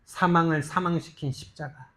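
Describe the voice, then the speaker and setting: A male pastor preaching a sermon, emphatic and full of rhetorical questions, swinging between loud urgent stretches and soft low asides. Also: fairly even intonation, moderate pace. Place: church sanctuary.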